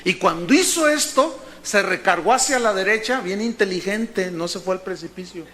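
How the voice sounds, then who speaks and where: A man preaching with a high, bright voice, acting out the people in his stories. He swings between quiet asides and sudden shouts. A faint background noise sits under the recording. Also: moderate pace. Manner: lively, acts out dialogue with bursts of shouting. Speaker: pastor. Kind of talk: animated sermon.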